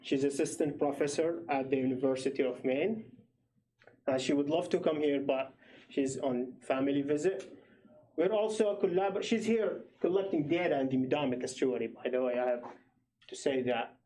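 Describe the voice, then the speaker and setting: An Iraqi PhD student in his thirties presents his research at a public meeting, speaking slowly and hesitantly with lots of fillers as he explains. His voice is mid-range and warm, though the audio is poor.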